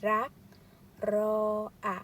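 A woman's voice: very slow, a bit bright. A woman teacher leading a first-grade reading lesson, reading word by word and spelling out each syllable. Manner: reads syllable by syllable, spelling out sounds. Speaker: primary school teacher.

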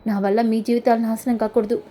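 Storybook role: a dejected young man, read by a woman narrator in a mellow voice. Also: a little high, level tone, quick pace, close to an everyday voice. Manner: hurt, resigned.

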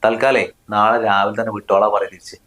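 A man's voice: on the low side, little pitch movement, quick pace, a bit bright, lightly acted. An actor playing a scornful young husband who snaps at his wife in a family short film. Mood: angry. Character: harsh money-proud young husband.

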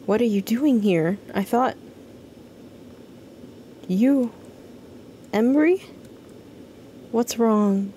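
Woman voicing a timid, raised-pitch worried game character. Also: very slow, long pauses, warm tone, a little hiss or hum. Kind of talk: reading game dialogue aloud.

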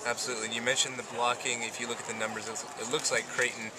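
A man's voice: medium pitch, quick pace, over a noisy crowd. A man interviews a coach for student radio after a volleyball match, reading out statistics in formal questions. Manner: flat, stat-laden scripted questions. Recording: distant mic with loud background noise.

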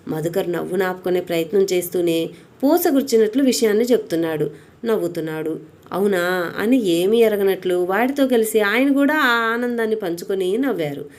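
A woman reading a scripted devotional story aloud. Her voice is mellow and dark-toned, with a middle pitch. She tells it at a steady, even pace. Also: fairly quick.

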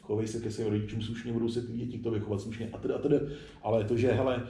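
His voice is mid-range, level, gravelly and warm. The forties-aged illustrator and studio founder talks reflectively and casually in an interview at a table in an indoor spray-paint shop, restarting sentences and stressing key points. Faint background noise sits in a roomy-sounding recording.

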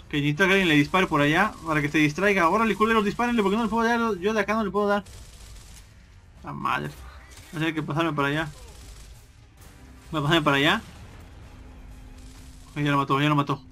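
A man's voice: fairly high pitch, steady tone, fairly quick, long pauses, bright, forceful tone, faint music behind. A man doing casual, joking gameplay commentary and swearing constantly.

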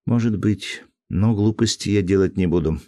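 A man's voice: lowish voice, normal speed, warm tone, no room sound, natural voice. A man voicing a spirited young noblewoman in an audiobook, teasing in one scene and cold and firm in another. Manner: lightly mocking, then cold and firm.

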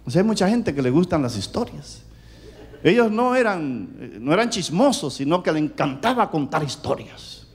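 Middle-aged Caribbean preacher, Caribbean Spanish accent, lively booming sermon delivery, pitched a bit high. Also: male voice, normal speed, breathy edge. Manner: animated, loud, swings between booming and hushed.

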